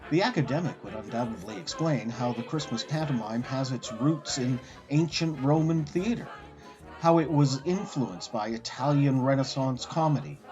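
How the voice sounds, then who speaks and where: This man, a host and narrator, delivers scripted documentary narration as a wry, articulate storyteller, placing deliberate emphasis. His mid-range voice comes through dull audio with music in the background.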